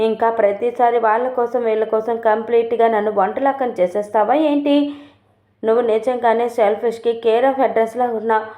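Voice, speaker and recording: A headstrong young woman pushes her demands in a teasing tone, read out by a woman. The voice is somewhat high, and the sound is tinny and roomy. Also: close to an everyday voice. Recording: tinny, roomy phone-like recording.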